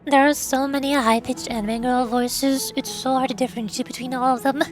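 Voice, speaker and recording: A woman's voice: high voice, steady tone, fairly quick, soft background music. A woman game streamer giving casual livestream commentary in a light, cute anime streamer manner.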